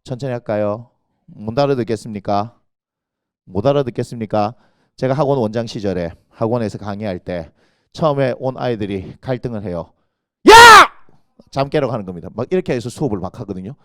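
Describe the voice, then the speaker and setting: A middle-aged man preaching a lively sermon as senior pastor, telling stories in an animated way and acting out quoted voices with sudden shouts. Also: on the low side, quick pace, no room sound. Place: church sanctuary.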